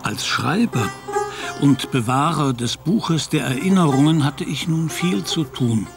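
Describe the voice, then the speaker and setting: An actor playing a thoughtful royal scribe who narrates a children's radio play in measured storytelling. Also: male voice, a little high, animated, gravelly, over music.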